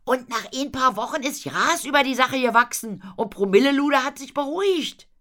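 A wistful young troupe member with a high, dreamy voice, as a woman voices the part in a storybook. The character talks in a sighing, hopeful way. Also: expressive, normal speed, fairly bright tone.

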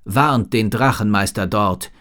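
A man's voice: on the low side, measured pace, fairly bright tone. A man reading a storybook and voicing a thoughtful male wizard who gives firm orders. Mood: commanding.

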